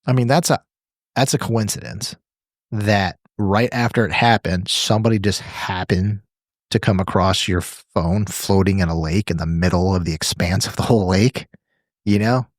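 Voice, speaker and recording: A man with a low voice lays out an idea in casual podcast chat, building long what-if examples and adding dry jokes. The recording is close on the mic with no room sound. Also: normal speed, no echo. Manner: explains with long hypothetical examples, wry. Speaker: podcast co-host.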